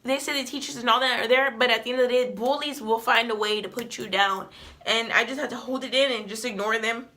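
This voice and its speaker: A woman in her twenties telling a personal story to the camera in a halting, emotional, rambling way. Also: on the high side, steady tone, bright, forceful tone. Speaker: vlogger.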